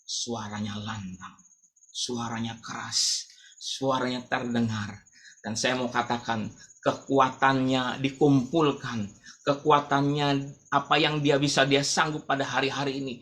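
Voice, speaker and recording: A man preaching a sermon as pastor of a church, dramatic and swinging between loud calls and quiet asides. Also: mid-range voice, little pitch movement, unhurried. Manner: acts out the blind man's cry.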